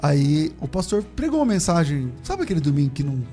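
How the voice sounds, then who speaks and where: A man, a pastor, telling his conversion story in casual chat, animated and laughing as he acts out the voices of others. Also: on the high side, quick pace, soft background music.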